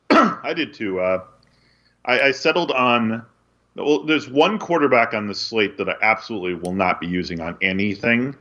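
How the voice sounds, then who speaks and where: A man's voice: lowish voice, expressive, moderate pace, pushed and bright. A man co-hosting a sports podcast, reading news and chatting casually with a dry, wry delivery. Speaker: podcast co-host. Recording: dull lo-fi sound.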